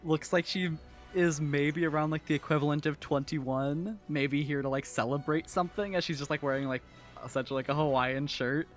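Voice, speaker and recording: A man's voice: fairly high pitch, fairly quick, faint music behind. A man narrating a tabletop game as game master, talking loosely with lots of fillers. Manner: animated, filler-heavy, lots of "like".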